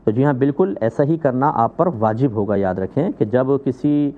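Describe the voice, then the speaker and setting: A man from Pakistan, a mufti, calmly answering religious questions in a measured, methodical way. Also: medium pitch. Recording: phone-like narrow band.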